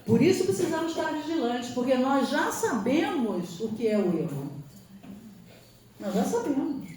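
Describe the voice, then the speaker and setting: A woman's voice: high voice, big pitch swings, moderate pace, a little mellow. A Brazilian woman, a psychologist, giving an earnest spiritual lecture to an audience, posing rhetorical questions and answering them with emphasis. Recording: echoey hall, distant mic, faint noise.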